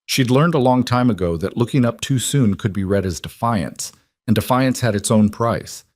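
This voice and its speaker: A man narrating a scripted story in a measured, grave delivery. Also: medium pitch, lively intonation, dry recording, clean studio sound.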